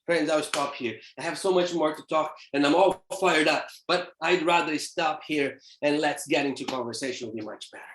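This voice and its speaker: A man from Brazil with a Brazilian Portuguese accent, giving an animated, playful church lecture as a theologian. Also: fairly high pitch, moderate pace, few pauses. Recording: echoey church hall.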